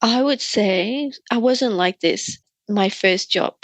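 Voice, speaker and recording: A young adult woman from Myanmar with an Australian accent tells stories as a guest in a casual interview. Her mid-range voice is slow and animated, she laughs often, and there's no room sound.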